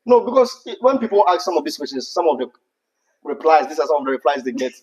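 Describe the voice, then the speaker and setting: A man with a Ghanaian accent hosting a casual advice chat, speaking in halting, repeated phrases. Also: a little high, darkish tone, poor audio. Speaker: host answering viewer questions.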